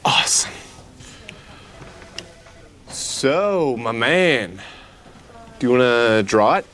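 A man's voice: medium pitch, lively intonation, extremely slow, a bit bright. An actor playing a pushy, childish, shameless male office boss in sketch comedy, insistent and petulant. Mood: smug, pushy.

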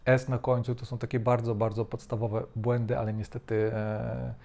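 Guy reviewing english skills, kinda gravelly, mellow, lots of uhs. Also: mid-range voice, level tone. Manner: measured, critical, with frequent hesitations. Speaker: host. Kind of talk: language-coach commentary.

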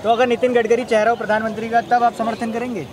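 Male street reporter, high-pitched, prodding, busy crowd behind. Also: little pitch movement, fast talker. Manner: prodding, repeats answers back. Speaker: street interviewer. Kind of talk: probing vox-pop questions. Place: outdoors at a busy monument plaza.

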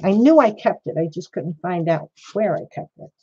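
A woman's voice: on the low side, lively intonation, normal speed, dark tone, breathy edge. A woman chatting casually to her livestream viewers while she works on a craft project, rambling and answering chat by name. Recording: slightly dull lo-fi stream audio.

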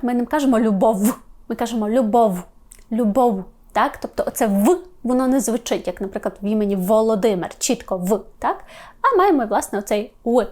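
A woman with a fairly high voice teaches pronunciation in a patient, step-by-step way. She sounds out each sound slowly and keeps checking that her listeners follow along. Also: a little mellow. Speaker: Polish language teacher. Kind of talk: explaining pronunciation to learners.

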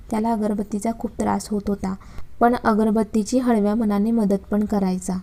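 Dark-voiced woman reading a story. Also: mid-range voice. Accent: Marathi. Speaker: narrator. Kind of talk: first-person story reading.

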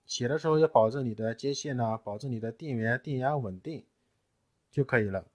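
A man in a technical tutorial, explaining each step patiently and often pausing with fillers. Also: mid-range voice, no room sound. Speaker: tutorial presenter. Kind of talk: screen-recorded technical tutorial.

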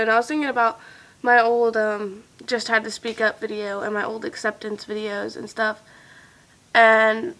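A woman's voice: a little high, fairly bright tone. A young woman vlogging to her viewers in a rambling, heartfelt way, her throat congested and phlegmy, sometimes dropping to a whisper. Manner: rambling, loses train of thought, drifts into whispers. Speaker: video blogger. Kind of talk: rambling heartfelt vlog talk.

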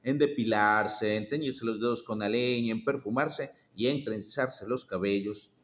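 A man's voice: lowish voice, a little slow, lightly acted. A man reading as an old bathhouse attendant. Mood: protesting.

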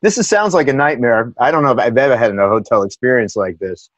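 A man's voice: mid-range voice, fast talker, dry recording, highs cut off. A male host in a conversational interview, reacting to a story with short remarks and laughter over a video call.

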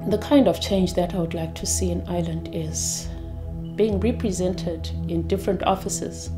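A woman from Zimbabwe speaking in a documentary interview, slow and deliberate with some hesitation. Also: on the low side, steady tone, music in the background. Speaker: community member.

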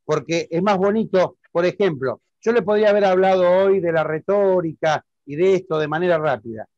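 An Argentine Spanish-accented man teaches public speaking in an online lesson, explaining each step and often checking that the listener follows. His voice sits high with a darkish tone and a brisk pace, recorded lo-fi with no room sound.

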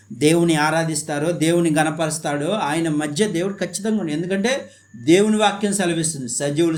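A man preaching a sermon in a fervent way, repeating phrases and putting questions to his listeners. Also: a little high.

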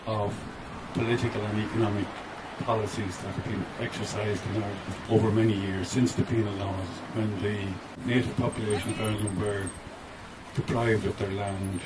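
A man with a lowish voice speaks earnestly to a crowd on a city street. He is caught from a distance, with clear street noise around him. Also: level tone, normal speed. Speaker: tour speaker. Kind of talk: outdoor speech to a crowd.

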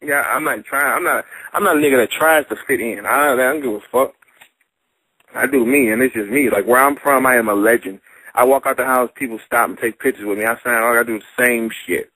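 Young man, St. Louis accent, brash, boastful, husky voice, dry sound. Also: medium pitch, fairly quick, bright, forceful tone, no echo, poor audio. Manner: brash, boastful, profane, argumentative. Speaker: battle rapper. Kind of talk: heated casual debate.

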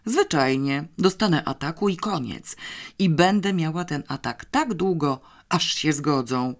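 A bossy, clever schoolgirl, read out by an audiobook narrator lays out her plans with calm certainty. The voice sits somewhat higher and louder than the narrator's own and carries a scornful edge. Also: measured pace. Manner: confident, scheming, a little scornful.

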